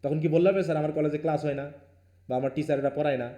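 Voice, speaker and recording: A man's voice: on the high side, flat delivery, racing, dark tone, echoey room. A male teacher from Bangladesh leading a live online class, firm and questioning, mixing Bengali with English.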